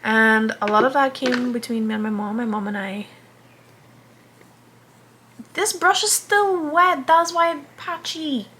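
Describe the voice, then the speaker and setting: A woman's voice: sits high, measured pace, pauses often, bright, forceful tone, a little hiss or hum. A woman in her twenties chatting casually while doing her makeup, rambling and interrupting herself, sometimes dropping into a whisper. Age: 20s. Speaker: vlogger.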